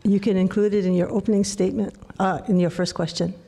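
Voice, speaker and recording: A woman's voice: mid-range voice, level tone, fast, vocal fry, dark tone, a little hiss or hum. Formal woman moderator. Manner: formal, orderly, reads questions aloud. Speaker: forum moderator. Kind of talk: formal procedural reading. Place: indoor community meeting room.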